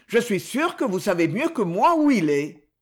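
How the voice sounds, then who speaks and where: A young musician answers back with cool insolence, as a storyteller puts him on. His pitch lifts and dips freely, in an audiobook reading. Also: very animated, moderate pace. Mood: cheeky. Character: young musician, cheeky and unflustered.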